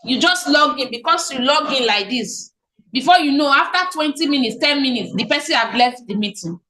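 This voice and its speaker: A team leader with a Nigerian accent runs an online motivational business training, repeating her points and answering her own questions. Her high-pitched voice is expressive and sharp, a little fast. Heard over an online meeting call, the sound is echoey.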